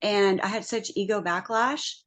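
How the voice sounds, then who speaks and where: A woman sharing reflectively in a peer support call, speaking softly with many fillers over a phone. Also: medium pitch, normal speed. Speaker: peer support group member. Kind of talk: casual spiritual sharing on a video call. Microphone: phone on a video call.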